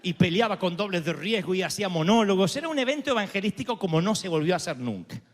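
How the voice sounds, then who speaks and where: Argentine pastor guy, kinda high voice, acts out all the quotes, jokey and theatrical. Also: fast. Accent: Argentine Spanish. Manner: animated and theatrical, acting out quotes and joking. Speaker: preacher. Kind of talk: storytelling sermon. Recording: long hall reverb.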